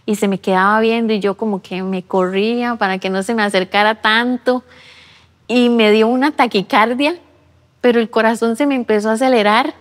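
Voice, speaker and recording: A woman's voice: on the high side, steady tone, moderate pace. A woman, telling her personal faith testimony earnestly in an interview at a church. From Costa Rica. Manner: earnest storytelling, re-enacting her own past words. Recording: long reverb of a large room.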